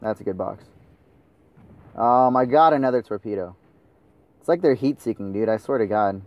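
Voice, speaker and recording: A man's voice: lowish voice, lively intonation, normal speed, dull audio. A young man commenting over his own gameplay, swearing and ranting at his teammates. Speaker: gaming channel host.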